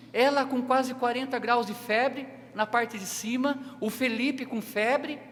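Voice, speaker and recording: A man with a Brazilian Portuguese accent preaching a personal testimony sermon, his delivery emotional and dramatic, swinging from loud to hushed. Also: very high voice. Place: church sanctuary. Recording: reverberant church hall.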